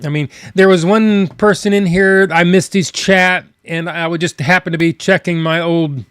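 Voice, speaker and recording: A man's voice: high-pitched, fairly even intonation, normal speed, a bit bright, clean tone, no room sound, clean studio sound. A man hosting a live stream in a casual, rambling, chatty way, talking directly to his viewers. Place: home studio.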